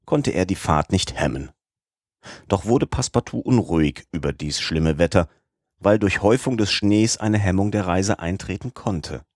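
A man reading a novel aloud as an audiobook narrator, in a measured, even delivery. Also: low voice, dry recording, studio quality. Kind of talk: scripted narration.

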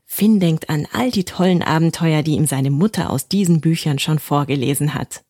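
Storyteller: woman, gentle bedtime reading, husky tone, dry close mic. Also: low-pitched, moderate pace, no echo.

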